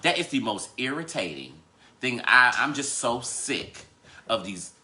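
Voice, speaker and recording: A man's voice: mid-range voice, big pitch swings, unhurried, pushed and bright. A man in his thirties hosting a live podcast, ranting heatedly with lots of profanity and laughter. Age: 30s. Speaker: podcast host.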